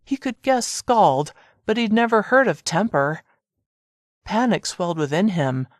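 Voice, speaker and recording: A narrator reading a romance audiobook in an even, measured storytelling manner. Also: female voice, mid-range voice, dry recording, clean studio sound. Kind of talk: scripted narration.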